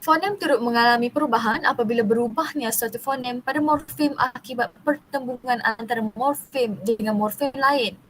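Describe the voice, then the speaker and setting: A young woman from Malaysia reading a university class presentation, steady but often stumbling and restarting on long terms. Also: a little high, moderate pace, few pauses, slight background noise, rough recording.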